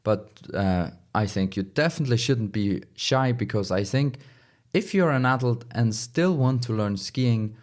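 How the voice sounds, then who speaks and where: A man giving casual advice in conversation, in halting, phrasing. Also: mid-range voice, animated, a little mellow. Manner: halting, non-native English phrasing.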